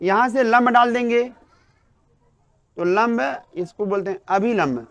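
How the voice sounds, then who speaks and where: A man with a north Indian Hindi accent teaching a classroom lesson, dictating slowly and quizzing students with repeated questions. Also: high voice, a bit bright, no room sound. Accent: Hindi-speaking north Indian.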